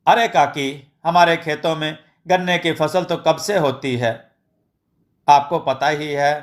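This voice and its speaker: A man voicing a half-deaf, boastful young village man who mishears and rambles loudly. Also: fairly high pitch, steady tone, unhurried, lightly acted.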